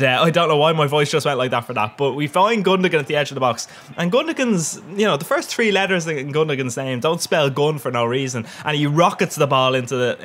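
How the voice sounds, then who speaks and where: A man's voice: mid-range voice, fairly bright tone. A young man giving cheeky, crude gameplay commentary, often laughing at his own jokes. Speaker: gaming YouTuber.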